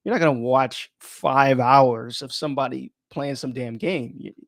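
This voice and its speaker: A man hosts a live stream with no plan, chatting loosely, thinking aloud and cutting himself off as he wanders between thoughts. He talks a little slowly in a mid-range voice, and the sound is clean studio audio without room tone.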